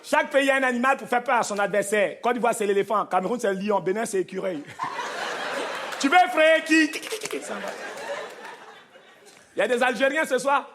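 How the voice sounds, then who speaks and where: A male stand-up comedian performing an animated, playful set, bantering with the crowd and slipping into mock accents. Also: high voice, fairly quick. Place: large theater stage before a live audience. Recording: live concert recording with crowd noise. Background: audience laughter and noise.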